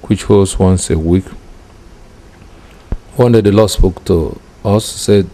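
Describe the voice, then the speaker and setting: A Nigerian-accented man in his fifties, an apostle and church founder, reflectively recounts his story in an interview. His voice is deep, slow, and mellow, captured close up on a handheld-style microphone in front of him, inside a small curtained room.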